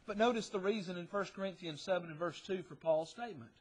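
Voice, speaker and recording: Male preacher, slightly high voice, emphatic sermon delivery that builds to loud stressed lines and falls back to quiet asides. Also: fast talker, slightly rough. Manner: asks rhetorical questions and answers them. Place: church.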